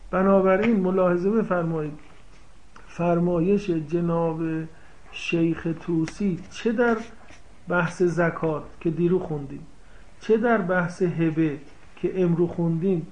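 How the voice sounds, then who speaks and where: A man with a high voice teaches from a classical legal text in a seminary-style lecture. He explains each point by repeating and paraphrasing it and keeps checking that his listeners follow. The recording sounds somewhat dull and lo-fi.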